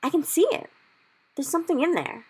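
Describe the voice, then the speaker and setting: A woman's voice: mid-range voice, lively intonation, brisk, vocal fry, bright, forceful tone, pitched above the performer's own voice, heavily acted, rough recording. A woman voicing a curious, earnest little girl in a storybook.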